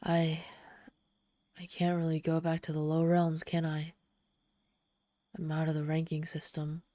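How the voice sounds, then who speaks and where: In an ASMR roleplay, a woman voices a haughty female demon who tells her story directly to the listener. Her slightly low, mellow voice sounds dry and monotone, with no room echo. Theatrical and proud but quick to get flustered and exasperated, she sounds dismayed and halts when embarrassed.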